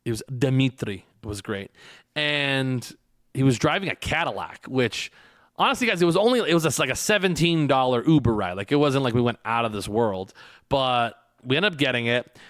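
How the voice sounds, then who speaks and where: A man hosting a casual podcast, telling stories in a rambling, excitable way with lots of restarts. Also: mid-range voice, moderate pace, no room sound, clean studio sound. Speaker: podcast host.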